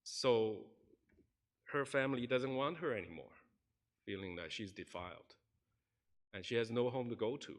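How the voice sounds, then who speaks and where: Expressive and pausing often, a pastor with a mid-range voice preaches at a moderate pace. In the church sanctuary, he earnestly recounts a story and acts out the people he quotes.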